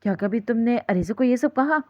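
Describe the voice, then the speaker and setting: A woman's voice: fairly high pitch, expressive, a little mellow, muffled recording. A woman playing a wounded reproachful father. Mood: worried, reproachful. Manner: pleading, reproachful. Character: worried father, gentle but wounded and reproachful.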